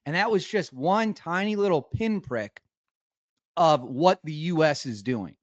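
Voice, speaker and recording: A man's voice: a little high, lively intonation, measured pace, dry recording, highs cut off. A man hosting a commentary show, reacting to video clips with heavy sarcasm and mocking exclamations. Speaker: political commentary host.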